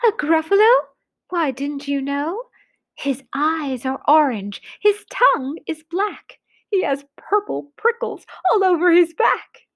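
Woman playing a little mouse, high-pitched, lively melody, boastful, clever, sing-song, children's storybook character. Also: slow pace, exaggerated voice. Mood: cheerful, boastful. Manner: bragging, emphatic, sing-song. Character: small clever boastful mouse, bold and cheerful.

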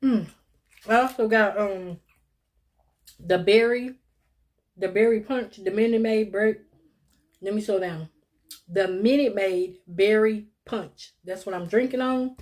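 A woman's voice: medium pitch, a little slow, pauses often, darkish tone. A woman, chatting casually to viewers while eating in a mukbang vlog, calling them y'all and little sis. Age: 50s. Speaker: mukbang vlogger.

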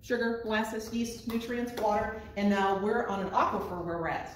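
A woman in her fifties, a distillery owner, telling her story in a lively, eager way while showing guests around. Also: mid-range voice, moderate pace, a little hiss or hum. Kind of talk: casual chat. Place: small distillery room, indoors. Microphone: far camera. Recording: echoey room from far off.

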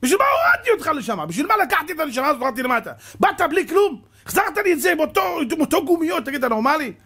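A man's voice: very high voice, very animated, voice pushed up, exaggerated voice. A man acting out God angrily scolding a soul in a sermon parable. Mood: outraged. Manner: shouting, outraged.

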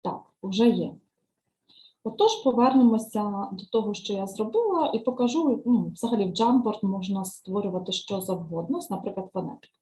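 A woman teacher trainer narrates a screen-share tutorial click by click, explaining language lesson tasks patiently and often asking "right?" Her mellow, dark-toned voice sits at a middle pitch with lively intonation and normal speed, on a rough recording.

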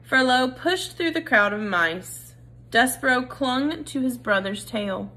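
Bright-voiced woman reading aloud. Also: sits high, lively intonation, slow pace, low-quality recording. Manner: casual, friendly asides to listeners. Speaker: reader. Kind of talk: reading a children's book aloud.

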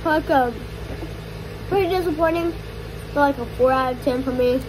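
High-voiced woman talking while chewing cake. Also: moderate pace. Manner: casual, filler-heavy, frank. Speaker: vlogger. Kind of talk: casual food-tasting chat. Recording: noisy background.

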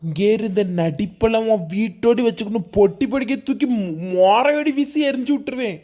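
Fed-up cartoon dad scolding his wife, a woman doing him, highish voice. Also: fairly quick, dark tone, close to an everyday voice. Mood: exasperated scolding. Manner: exasperated, scolding. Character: flustered middle-aged husband and father.

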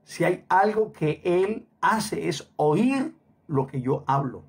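A man's voice: fairly high pitch, expressive, slow, slightly rough. A middle-aged man preaching a sermon emphatically, repeating phrases for stress and dropping Hebrew words into his talk.

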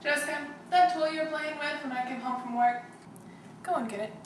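A woman's voice: sits high, a little fast, slight background noise, close to an everyday voice. A woman playing a stern, scolding mother. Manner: firm, scolding, later hushed and grave. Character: strict, guarded mother scolding her young daughter. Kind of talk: amateur short-film acting. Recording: echoey room, distant mic, music behind.

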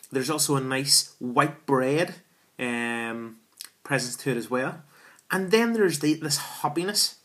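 Guy in his 30s chatting about beer at home, bright forceful voice, camera held close. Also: fairly high pitch. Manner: chatty, enthusiastic, lots of fillers. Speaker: beer reviewer. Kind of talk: casual beer review vlog. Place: small room at home, indoors. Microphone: camera at arm's length.

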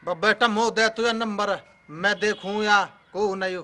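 A man's voice: high voice, steady tone, unhurried, pushed and bright. A man playing a doubting village father with a blunt, rustic way of talking in a comedy skit. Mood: skeptical.

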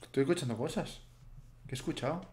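A young man with a slightly higher-than-average voice, speaking as he commentates his own match. His talk is chatty and casual, dropping to a mutter in tense moments and bursting into loud shouts when something happens. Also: quick pace, slight background noise. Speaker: gaming youtuber. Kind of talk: live gameplay commentary.

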